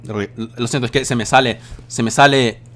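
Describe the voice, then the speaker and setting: With a medium-pitched, fairly bright voice, fairly even intonation and a moderate pace, a youtuber in his twenties answers viewer questions from his bedroom in a casual vlog. Along the way he swears a lot and breaks into dramatic outbursts.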